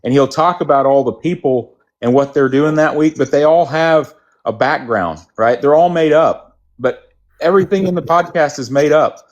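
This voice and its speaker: A man's voice: on the high side, moderate pace, lo-fi sound. A man from Texas with a mild Texan accent, hosting a casual group chat and telling rambling stories. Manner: rambling, storytelling with restarts.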